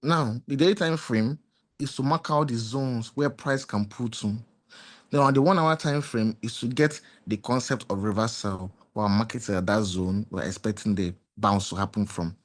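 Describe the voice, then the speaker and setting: Hoarse-voiced man teaching trading. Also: lowish voice, moderate pace. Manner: explanatory, repetitive, asks rhetorical questions. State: slightly hoarse. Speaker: trading mentor. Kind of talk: screen-share trading lesson.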